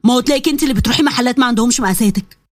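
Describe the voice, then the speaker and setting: A woman's voice: a little high, racing, dry recording, studio quality, voice pushed down, natural voice. A woman voicing a caring, teasing husband with an Egyptian accent in a told story. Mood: coaxing. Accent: Egyptian Arabic. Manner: coaxing.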